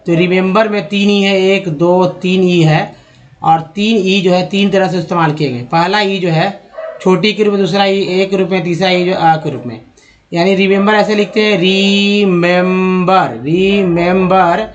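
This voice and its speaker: A man's voice: high voice, fairly even intonation, moderate pace. A man teaching English pronunciation in a spoken lesson, spelling words out letter by letter and checking in with his viewers. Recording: dull lo-fi recording.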